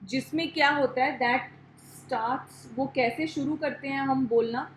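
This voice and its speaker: A woman's voice: high-pitched, fairly even intonation, measured pace, roomy sound, slight background noise, poor audio. A woman with an Indian accent teaching an online pronunciation class, switching between Hindi and English and answering her own questions.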